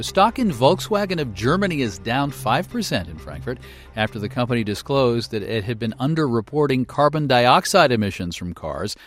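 A man's voice: mid-range voice, a bit bright. A man hosting a radio news programme, presenting scripted stories in a studio.

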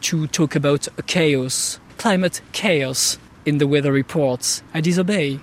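Higher-pitched Frenchman being interviewed. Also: unhurried. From France. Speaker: interviewee, TV weatherman. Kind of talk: interview answers in second-language English.

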